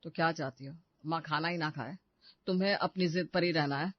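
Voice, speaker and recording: A woman voicing a young husband in an animated family story, defensive and placating between his wife and mother. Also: deep voice, a little fast, no room sound. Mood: arguing. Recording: dry, slightly dull studio recording.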